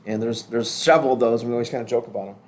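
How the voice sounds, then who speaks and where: A man's voice: mid-range voice, fairly even intonation, rapid-fire, darkish tone, a little hiss or hum. An older man teaching a lay ministry class in a casual, rambling way, often restarting his sentences.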